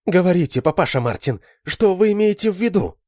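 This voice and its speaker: A man's voice: high voice, lively intonation, brisk, darkish tone, no room sound, clean studio sound, pitched above the performer's own voice. A man voicing a fierce young village woman who is frantic.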